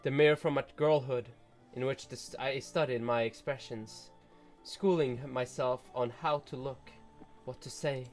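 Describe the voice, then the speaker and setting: A man reading the lines of a proud, tragic snake-woman noble aloud in a measured, solemn way. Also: mid-range voice, fairly even intonation, faint music behind, voice pushed down, natural voice. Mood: wistful. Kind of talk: reading game dialogue aloud.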